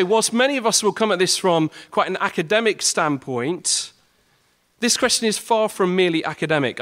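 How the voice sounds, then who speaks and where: This young adult student addresses fellow students in a prepared, earnest talk, using rhetorical questions to develop his points. He has a high voice with a fairly bright tone.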